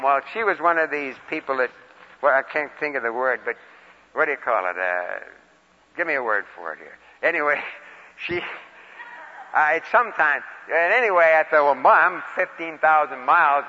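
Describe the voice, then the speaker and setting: Leading a Bible lesson as an interactive sermon, a male preacher with a fairly high, very animated voice teaches in short, folksy phrases, shifting between questions and personal storytelling. The recording is slightly muffled, wrapped in long hall reverb.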